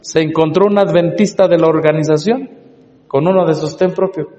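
A man lectures a live church audience, earnest and urging as he addresses them directly. His voice sits a bit high but sounds mellow and soft-edged. The sound rings around a large hall, with a long tail of reverb. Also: moderate pace, lo-fi sound. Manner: earnest, urging, talks straight to listeners.

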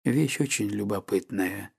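Man playing a brooding young nobleman, grave, fearful, low voice. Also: unhurried, vocal fry, husky, full character voice. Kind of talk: audiobook character voice.

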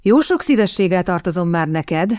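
A woman reading the lines of a composed young gentleman in a firm, commanding way. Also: fairly low pitch, expressive, no echo, clean studio sound, close to an everyday voice.

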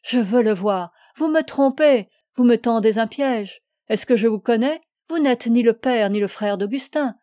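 Fiery scornful young lover in a storybook reading, dark mellow tone, dry sound, a woman reads her. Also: fairly high pitch, moderate pace, no room sound, lightly acted. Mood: impassioned. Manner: impassioned, scornful, rising to cries. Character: passionate young woman, fiercely possessive lover.

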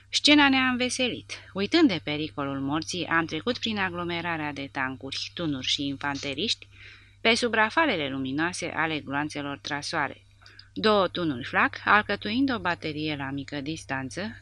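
A woman narrating a war novel audiobook with a dramatic, expressive reading. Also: low-pitched, dry recording.

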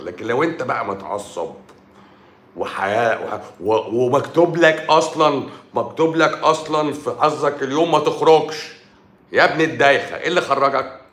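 Fast, mocking Egyptian man. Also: mid-range voice, fairly bright tone. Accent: Egyptian Arabic. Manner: sarcastic, mocking, scolding. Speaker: doctor hosting a livestream. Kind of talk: casual livestream rant. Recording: roomy echo.

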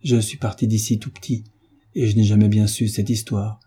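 A man voicing an enthusiastic eighteen-year-old son who talks eagerly and warmly in an audiobook reading. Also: lowish voice, moderate pace, slightly rough. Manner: eager, animated.

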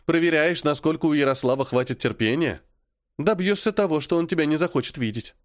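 Cool, scolding older sister, voiced by a man, dry and steady. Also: fairly high pitch, fairly quick, no room sound, pitched above the performer's own voice, close to an everyday voice. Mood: lecturing. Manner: cool, lecturing, sharp.

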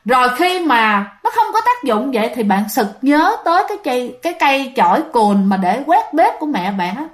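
A woman's voice: high voice, big pitch swings, moderate pace. A woman telling ghost stories in a chatty, dramatic way, often addressing her listeners. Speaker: ghost story narrator. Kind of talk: casual storytelling to listeners.

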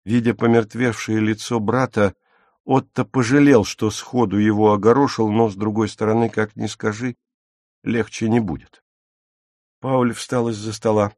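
A man narrating an audiobook in a calm, measured reading. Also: fairly low pitch, no echo, clean studio sound. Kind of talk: scripted narration.

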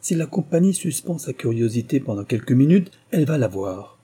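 A man reading an audiobook and voicing a loud, sly male rogue who talks in raised, emphatic bursts. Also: medium pitch, very animated, fairly quick, husky. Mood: loud, insistent.

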